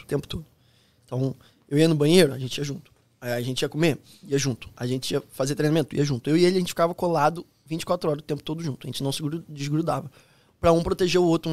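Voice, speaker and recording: A man with a Brazilian accent, a podcast guest telling a story in a slangy, animated, casual way in a studio. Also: on the high side, no echo. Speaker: guest, former U.S. Army soldier.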